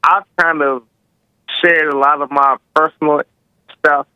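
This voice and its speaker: A higher-voiced man phones in to a talk show over a narrow, tinny line. His words are slightly slurred with slushy s sounds, and he talks casually, repeating words as he goes. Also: fairly even intonation, unhurried, clear, resonant tone, no room sound.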